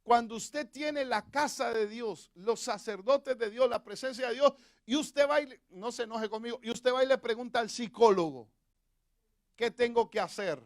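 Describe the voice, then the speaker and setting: Guy preaching a sermon, pretty high voice, keeps asking the viewer questions. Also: moderate pace, dry recording, clean studio sound. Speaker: pastor. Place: Europe.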